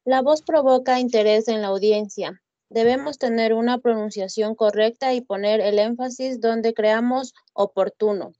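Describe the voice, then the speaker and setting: Woman student, steady textbook reading, higher voice, dry room. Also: normal speed, no room sound, muffled recording.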